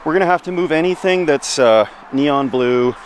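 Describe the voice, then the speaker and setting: A camping vlogger in his forties narrates casually outdoors in a damp forest, his voice fairly high and his pace moderate, chatty and self-deprecating as he thinks aloud. A camera mic records him, sometimes handheld close and sometimes from a distance, with clear background noise from the outdoors.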